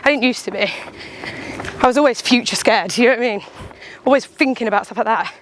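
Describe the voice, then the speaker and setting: High-voiced woman chatting while out running. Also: fast talker, a little hiss or hum. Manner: talking while out on a run; candid, animated, swears casually and acts out imagined quotes. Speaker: runner and vlogger. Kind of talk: casual chatty vlog monologue.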